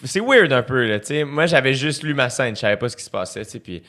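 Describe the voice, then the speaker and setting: A man's voice: mid-range voice, fast. Quebec man telling a story. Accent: Quebec French. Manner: animated anecdotes, acts out quotes. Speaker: podcast host. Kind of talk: casual storytelling.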